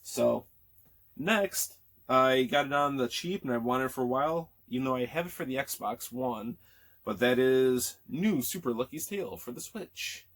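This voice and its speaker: A man in his thirties talks in a loose, rambling way, full of ums, restarts and casual swearing. His voice is still cracking after an illness. He sits at a middle pitch for a man. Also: lively intonation, moderate pace, gravelly, fairly bright tone. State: voice cracking after being sick. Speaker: gaming vlogger. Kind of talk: casual chat.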